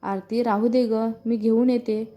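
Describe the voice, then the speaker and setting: A woman reading a storybook part as a caring young older sister, fussing over her younger sister in a light, gentle scolding tone. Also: on the high side, little pitch movement, unhurried, dull audio, close to an everyday voice.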